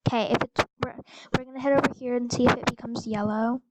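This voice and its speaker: A woman hosting a gameplay video, chatting excitedly and explaining the game rules to a friend as they play. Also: fairly high pitch, quick pace, heavy background noise. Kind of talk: casual gameplay chat.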